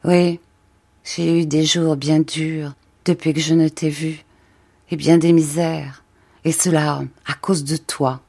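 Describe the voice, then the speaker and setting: Lady reading as tired poor wife, plain and earnest, low warm tone, old storybook. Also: level tone, takes it slowly, exaggerated voice. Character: worn-out poor woman, proud, once pretty.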